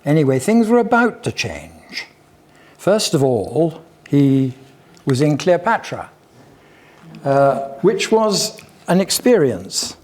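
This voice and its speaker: A man's voice: on the high side, big pitch swings, slow, darkish tone. Older man telling wry stories. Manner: chatty, digressive, wry asides. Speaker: guest speaker at a local history talk. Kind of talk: anecdotal public talk.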